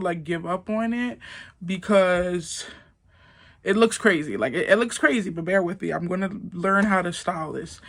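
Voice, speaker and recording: A young woman telling a casual story to the camera, rambling and filling with "like". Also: lowish voice. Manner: rambling, heavy use of "like". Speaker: vlogger.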